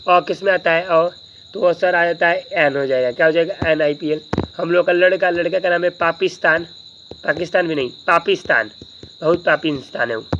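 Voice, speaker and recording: A man's voice: a little high, pushed and bright, slight background noise. Man, teacher, grammar lesson, asks and answers himself, raised voice, dull lo-fi audio. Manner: repeats questions to the class and answers them himself; joking asides.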